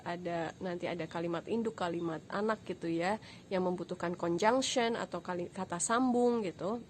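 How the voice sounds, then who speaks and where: A woman from Indonesia talks through a casual language lesson in a chatty, joking way, slipping English words in as she goes. Her voice sits at a middle pitch, with a faint hum of noise in the recording. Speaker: English tutor.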